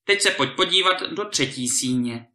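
A booming giant lord, loud and boastful, as a male storyteller puts him on. The voice is gravelly and forceful. It rings in a roomy echo. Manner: booming, thundering.

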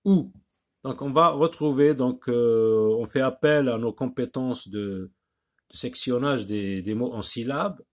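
A man's voice: medium pitch, a little slow. A man teaching a phonics lesson to young children, patiently repeating and stretching out each word.

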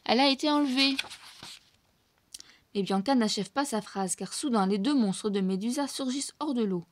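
A woman reading a children's storybook aloud in an expressive, lively way. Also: mid-range voice, brisk, a little hiss or hum. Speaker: storybook reader.

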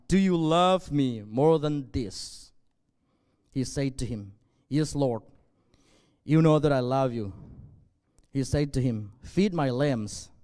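Earnest pastor, Zomi native, hall reverb. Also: male voice, a little high, darkish tone. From northwest Burma. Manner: earnest, measured, with frequent pauses and fillers. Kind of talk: sermon. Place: church stage, indoors. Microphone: handheld.

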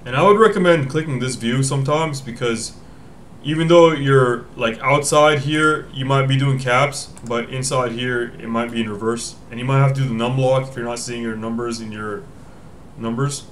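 A man's voice: medium pitch, steady tone, moderate pace, fairly bright tone, slight background noise. A young man hosting a casual tech tutorial from a home room, thinking aloud, often correcting himself as he explains the steps. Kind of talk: casual screen-recorded walkthrough.

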